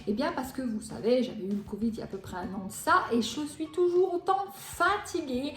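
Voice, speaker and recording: A woman's voice: high voice, fairly quick, a bit bright. A woman in her forties hosting a cooking vlog, talking casually, chatty and self-mocking, in a home kitchen. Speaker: cooking channel host. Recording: echoey room.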